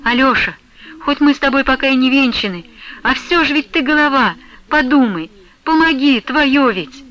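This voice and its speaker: A woman's voice: high-pitched, moderate pace, a bit bright, muffled recording, pitched above the performer's own voice. A woman reading an audiobook, voicing a tearful young widow who pleads and sobs with her beloved. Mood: sobbing. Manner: pleading, sobbing, endearing.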